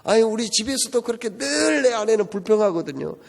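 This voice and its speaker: A man's voice: high voice, expressive, a little fast, gravelly, pitched above the performer's own voice. Man doing an embarrassed middle-aged husband, polite but exasperated, sitting in a lingering church-hall echo. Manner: polite, then exasperated confiding. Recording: long church-hall reverb.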